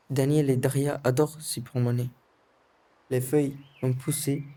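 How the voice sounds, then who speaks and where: Teen boy narrator, scripted voice-over, steady monotone delivery, mellow and very dark. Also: medium pitch. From Sri Lanka. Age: teens. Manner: calm, careful reading, short phrases. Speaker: student narrator of a school film.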